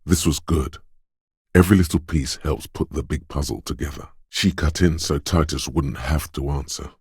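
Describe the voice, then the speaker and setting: Voiced by an actor, this is a detective's instincts speaking as an inner voice in a video game, addressing the player in second person. The voice is extremely deep, darkish and slightly rough, quick-witted, knowing and measured, with a dramatic, heavily acted edge and an observant mood. The recording is very close and dry, with no echo.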